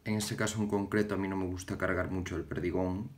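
A young man from Galicia hosting a casual fly-tying tutorial, talking haltingly and repeating words as he works with his hands at an indoor bench. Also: sits low, level tone. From Galicia, Spain. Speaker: fly-tying channel host.

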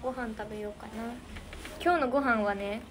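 Casting: teen girl idol hosting a stream, fairly high voice, chatty, reads viewer comments aloud, audible noise on the line. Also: a little fast. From Niigata, Japan. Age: teens. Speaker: idol livestream host. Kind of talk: casual livestream chat. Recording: noisy livestream audio.

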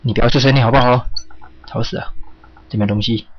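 A man's voice: medium pitch, fairly even intonation, quick pace. A young man streaming a horror game, jumping, yelping and cursing at the game as he plays. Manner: jumpy, yelps and curses at the game. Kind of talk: horror game let's play commentary. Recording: slightly dull lo-fi home mic with faint hiss.

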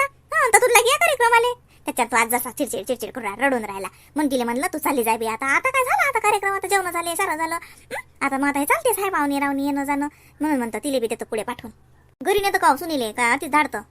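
Brief: fast-talking woman with a bright, sharp voice in a village comedy sketch. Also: sits high. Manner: chatty, fussing village banter.

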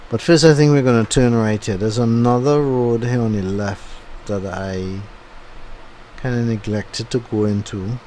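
At home after driving, a middle-aged YouTuber records a rambling, casual commentary over the video of his drive, thinking aloud with fillers. His medium-pitched voice is steady, measured in pace and a little mellow, with a little hiss or hum.

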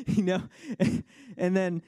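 A man gives a sermon testimony as a lively, casual story, his voice leaping high whenever the tale gets exciting. His tone is mellow and warm, recorded close and dry, with many easygoing fillers and bursts of laughter. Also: very slow, smooth, no room sound. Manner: animated storyteller, voice jumps high when excited, laughs often; casual, fills speech with "like" and "you know". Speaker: worship speaker at a church service.

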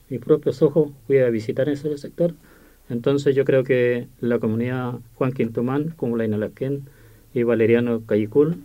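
A man, a community representative, answering in a radio interview, earnest and repeating himself. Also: medium pitch. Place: small radio studio. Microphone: studio table mic. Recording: dull lo-fi sound.

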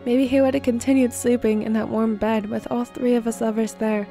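A woman reads a fan fiction story aloud in a soft, steady voice. Her pitch sits a little high but barely moves. The tone is mellow, over faint background music. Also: brisk. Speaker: narrator.

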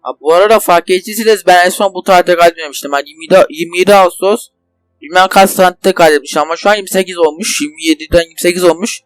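Young male gaming host, highish voice, rambling commentary that boils over into swearing rants, dry close sound. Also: rapid-fire, clean tone, dry recording, faint music behind. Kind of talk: casual let's play commentary. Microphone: desk microphone.

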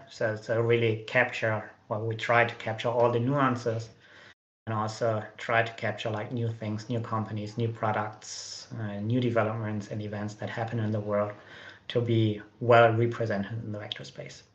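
A man's voice: on the low side, monotone, normal speed. A man on a headset video call, explaining machine learning at a panel, with many "like" fillers. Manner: explanatory, many "like" fillers, quotes example phrases. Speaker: panelist from an AI company. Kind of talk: technical panel discussion over video call. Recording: dull roomy video-call audio.

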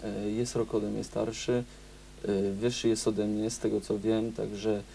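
A young man, a kickboxer, answering quietly and haltingly in a small studio interview. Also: fairly low pitch, flat delivery, gravelly, a little hiss or hum, low-quality recording. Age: young adult. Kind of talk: local TV interview.

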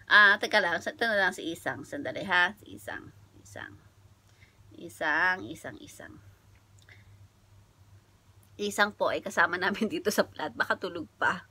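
A woman's voice: fairly low pitch, normal speed, bright, forceful tone, slightly rough. A woman from the Philippines vlogging at home, chatting casually with viewers and giggling often between lines. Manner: chatty, addresses viewers directly. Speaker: vlogger making prank calls. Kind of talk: casual chat. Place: home flat.

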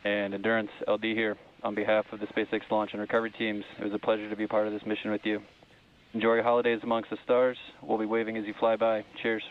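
A man speaking as launch director over a space radio comm loop, giving a brisk, formal send-off. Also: on the low side, monotone. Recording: tinny radio line with faint hiss.

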